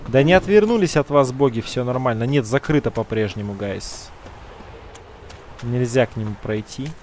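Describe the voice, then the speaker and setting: A man's voice: mid-range voice, darkish tone, slight background noise. Slangy young-sounding male gamer commentary. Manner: slangy, talks to viewers as "guys"; muttering to himself, drawn-out musing. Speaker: let's play gamer. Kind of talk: casual gameplay commentary.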